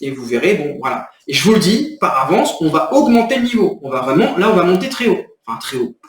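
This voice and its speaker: A man's voice: on the high side, very animated, fast, recorded from a distance, slight background noise. A man talking to camera in an irritated, rambling way, explaining his next video and venting. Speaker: video creator. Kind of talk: agitated talking-to-camera vlog. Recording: echoey room, off mic.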